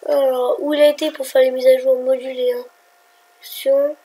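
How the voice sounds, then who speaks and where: A high-pitched woman with a breathy, husky edge, talking her way through a screen recording. She rambles and thinks aloud, drops into whispered asides, then bursts out excitedly. The feel is a casual, homemade tutorial vlog. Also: normal speed, poor audio. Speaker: tutorial vlogger.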